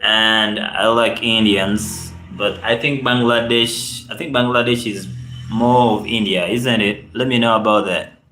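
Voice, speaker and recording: Ugandan guy on a live stream, lowish voice, chatting with viewers and reading out their comments, echoey room. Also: steady tone, measured pace, bright, forceful tone, faint music behind. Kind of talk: casual live-stream chat. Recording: roomy echo.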